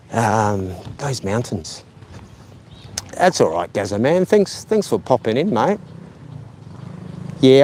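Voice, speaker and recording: Walking by a lake on a live stream, a middle-aged man chats aimlessly, poking fun at himself and using lots of fillers. His voice is mid-range and slightly mellow, with a bit of hiss or hum on the recording.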